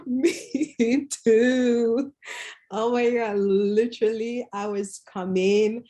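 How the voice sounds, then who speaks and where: A woman's voice: a little high, drawn-out words, long pauses, warm tone. A woman from Nigeria, co-hosting a podcast in casual chat, telling stories emphatically and laughing often. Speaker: podcast co-host.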